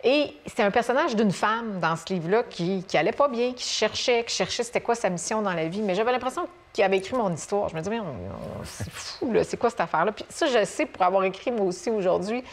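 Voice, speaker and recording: A woman from Quebec with a Québécois accent, a guest author telling stories in a relaxed chat, full of fillers and restarts. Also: mid-range voice, quick pace, few pauses. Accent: Québécois French. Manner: animated storyteller, many fillers and restarts. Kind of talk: casual conversation on a talk show.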